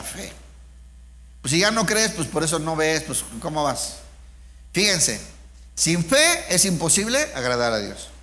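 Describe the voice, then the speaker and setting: A man's voice: fairly high pitch, sharp tone. A middle-aged man, preaching an informal sermon with personal testimony, speaking conversationally and asking his listeners rhetorical questions.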